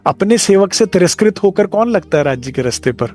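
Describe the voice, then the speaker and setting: A man's voice: sits high, animated, fairly quick, darkish tone, faint music behind. A man giving a devotional discourse as a spiritual teacher, talking conversationally and acting out short dialogues.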